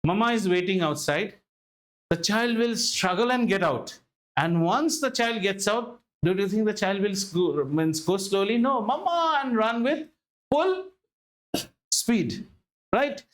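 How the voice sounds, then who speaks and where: A man with an Indian accent teaching a school lesson, animated and emphatic, often repeating himself and asking rhetorical questions. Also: high-pitched, measured pace. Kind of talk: interactive classroom lesson.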